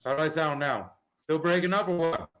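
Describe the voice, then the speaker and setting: A man's voice: on the high side, lively intonation, brisk, a crowd in the background. A man co-hosting a live sports talk stream. He chats casually and sounds frustrated, swearing and apologizing.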